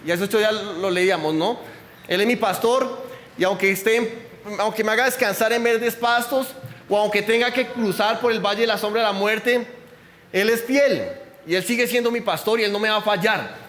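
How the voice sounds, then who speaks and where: A man's voice: high-pitched, moderate pace, a bit bright, in a large hall, a little hiss or hum. Male pastor, chatty sermon full of questions, faint room ambience. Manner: conversational preaching, asks the congregation questions. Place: church.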